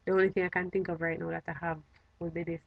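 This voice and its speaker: A woman from Jamaica with a Jamaican accent, chatting casually to camera in a fond, unhurried, reminiscing way. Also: on the low side, flat delivery, vocal fry, dry recording, phone-quality sound. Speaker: vlogger.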